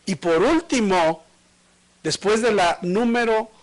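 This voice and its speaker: A man preaching a sermon as pastor. He speaks to the congregation with rhetorical questions and swings between loud emphatic lines and low, quiet ones. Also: slow. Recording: livestream of a live church service.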